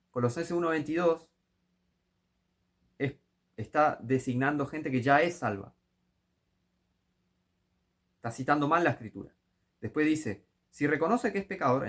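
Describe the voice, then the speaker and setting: A man with a Rioplatense Spanish accent preaching a critical sermon commentary, scolding and rising to impassioned shouts. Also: fairly high pitch, breathy edge.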